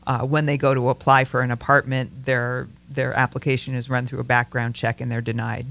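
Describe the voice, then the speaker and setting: A man's voice: medium pitch, little pitch movement, a little fast, vocal fry, a bit bright. A man co-hosting a casual political talk show, speaking thoughtfully with many fillers and restarts.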